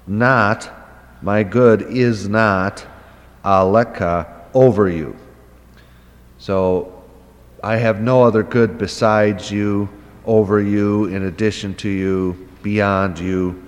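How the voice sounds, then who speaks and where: A man with a low voice teaches at an unhurried pace, working through his points aloud. He fills pauses with "uh" and "um" and often poses a question before answering it. His voice rings out with long reverb, as in a hall. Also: steady tone. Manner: thinking aloud with frequent fillers; explains terms by asking and answering questions. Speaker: Hebrew Bible teacher. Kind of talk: unscripted lecture.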